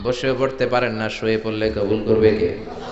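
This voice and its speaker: A man preaching a lively waz sermon, calling on the crowd to answer aloud and telling stories in colloquial, humorous speech. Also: on the low side, normal speed. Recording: roomy hall echo, dull lo-fi sound.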